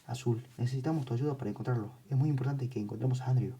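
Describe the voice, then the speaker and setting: A man playing a hypnotist who asks gentle, measured questions. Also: mid-range voice, close to an everyday voice. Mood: calm probing. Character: calm male hypnotist questioning a patient.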